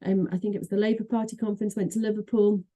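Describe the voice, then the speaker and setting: Speaking very fast in a dark, mid-range voice with little pitch movement, a middle-aged woman with a Mancunian accent appears as a podcast interview guest. She's an association executive director from Manchester, England, chatting away with lots of fillers and restarts.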